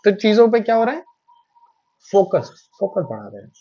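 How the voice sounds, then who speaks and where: Young male tutor, fairly high voice, casual and reassuring, slightly dull recording. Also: sing-song, moderate pace, dark tone. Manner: chatty, reassuring, mixes English phrases. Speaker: Hindi teacher. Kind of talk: online grammar lesson.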